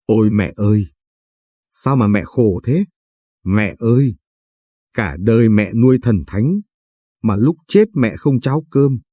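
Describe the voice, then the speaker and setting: A man's voice: lowish voice, lively intonation, measured pace, pauses often, dark tone, slightly rough, dry recording. A man reading a grieving sister's lament. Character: grieving young village woman, sobbing sister.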